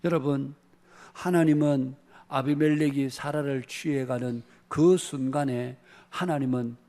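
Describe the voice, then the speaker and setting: A man's voice: medium pitch, steady tone, a little slow, mellow. A man pastor preaching a Sunday sermon in a church, earnest, with rising emphatic phrases. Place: church sanctuary.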